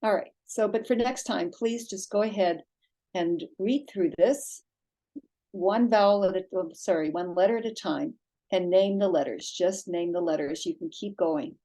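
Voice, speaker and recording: A woman's voice: fairly low pitch, moderate pace, warm tone. A woman teaching a reading lesson, naming letters one at a time and sounding out syllables patiently. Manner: patient, spells out each sound. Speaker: Hebrew teacher.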